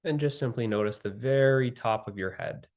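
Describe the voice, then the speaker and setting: In a mid-range voice, a male guide leads a guided meditation, his tone soft and calming, with long gaps between his phrases.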